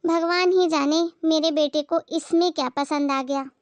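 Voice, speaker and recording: A haughty mother-in-law who scolds and looks down on everyone, voiced by a woman. The voice sits high and bright, and the recording is close and dry with no room sound. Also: fairly even intonation, moderate pace, dry recording, lightly acted. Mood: contemptuous. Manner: scolding, condescending. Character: bossy haughty middle-aged mother-in-law. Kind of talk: Hindi moral story voice acting.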